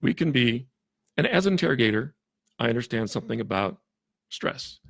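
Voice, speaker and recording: Gravelly, husky man talking haltingly. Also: medium pitch, very animated, a bit bright, no room sound. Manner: halting, many restarts, chuckles often. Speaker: podcast guest, forensic interviewer. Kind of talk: casual interview talk.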